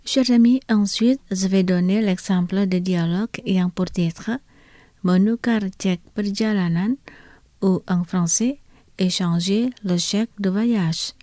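A woman leads a vocabulary and dialogue lesson at a very slow, careful pace, repeating every phrase twice so listeners can follow. Her voice is dark and mellow. The recording is dry and close, with no room sound. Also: mid-range voice, dry recording. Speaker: language teacher.

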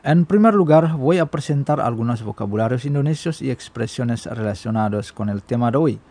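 A man presenting a radio language lesson, saying each word slowly twice and then giving its meaning. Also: medium pitch, expressive, warm tone, no echo, soft background music. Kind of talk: slow scripted language lesson. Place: radio studio.

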